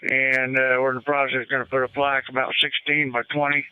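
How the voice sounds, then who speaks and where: An American man giving a casual club announcement in a halting, folksy way over a two-way radio. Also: medium pitch, little pitch movement, clean tone, dry recording, phone-quality sound. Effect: two-way radio transmission. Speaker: amateur radio club member checking in. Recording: band-limited, dry amateur radio audio.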